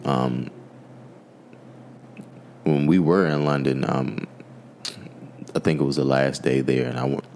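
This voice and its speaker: A man from the United States in casual conversation, telling stories in a relaxed way with many fillers. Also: rumbling low, a little slow, pauses often, slight background noise.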